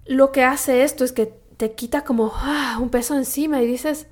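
A woman's voice: high-pitched, steady tone, normal speed. A young woman, a health coach, talking casually and reflectively to her followers, often voicing her own inner thoughts. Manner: chatty and reflective, with many fillers and self-quoted inner voices. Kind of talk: casual personal vlog.

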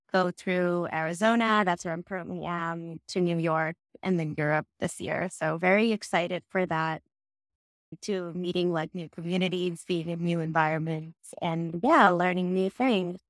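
A young woman from Bangladesh chats as a podcast guest, upbeat and loose, often reaching for "like" and "you know". Her voice sits a little low, recorded close and dry with no room sound. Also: no room sound. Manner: chatty, upbeat, many "like" and "you know" fillers, light laughs. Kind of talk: casual podcast interview.

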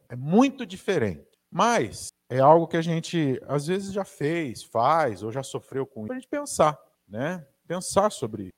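A man with a Brazilian Portuguese accent, preaching a conversational sermon with asides to the audience. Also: on the high side.

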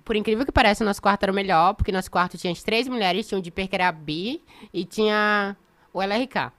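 Fast, bright woman guest telling lively anecdotes in casual chat. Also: medium pitch. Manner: animated storyteller, acts out others' lines.

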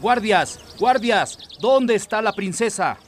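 A man's voice: sits high, expressive, slow, a little hiss or hum. A man playing a pompous, blustering emperor and indignant father in a children's audio story. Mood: outraged, commanding.

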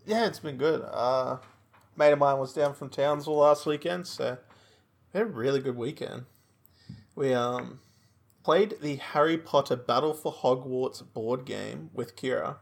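Aussie guy cohosting a podcast, bit of gravelly fry in his voice, casual stories. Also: mid-range voice, a little slow. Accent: Australian. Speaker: podcast co-host. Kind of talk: casual chat, anecdotes.

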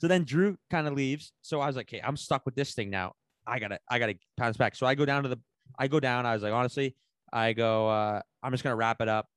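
Man, podcast co-host, casual slangy storytelling, swearing, mid-pitched, dry sound. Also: quick pace, fairly bright tone, no room sound.

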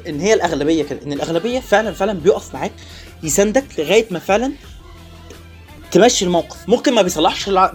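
A man with an Egyptian Arabic accent hosting a vlog in a joking, animated casual monologue, repeating phrases for emphasis. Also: sits high. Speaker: vlog host.

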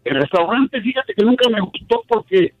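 A man calling in by phone who talks hesitantly, filling his speech with pauses, over a muffled line that is hard to understand. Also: high-pitched, expressive, no room sound, soft background music. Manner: hesitant, many fillers. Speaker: caller. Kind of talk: casual phone call.

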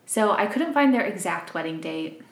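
A woman in her twenties from Arkansas, who grew up in Missouri, co-hosts a true crime podcast, chatting casually and laughing easily. Her mid-range voice is animated and creaky at a moderate pace, and the recording has a roomy echo.

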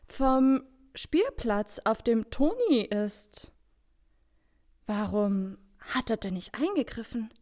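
A woman's voice: fairly high pitch, very animated, slow, darkish tone. A woman playing a bubbly young girl hero. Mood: urgent. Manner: bubbly, upbeat, sisterly. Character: cheerful energetic young girl hero, big sister. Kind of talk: children's audio drama acting.

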